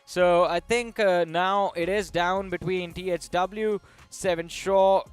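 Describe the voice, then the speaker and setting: A man's voice: sits high, fairly even intonation, slow pace, clear, resonant tone, faint music behind. A man with an Indian English accent, casting and analysing a mobile esports tournament in an upbeat, bantering way. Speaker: esports caster. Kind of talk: esports analyst desk commentary.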